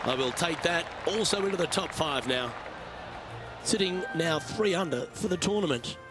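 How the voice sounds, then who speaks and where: A man's voice: a little high, expressive, moderate pace, music in the background, a crowd in the background, lightly acted. A man playing a golf broadcast lead commentator in a video game, reacting to shots in short phrases. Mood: engaged.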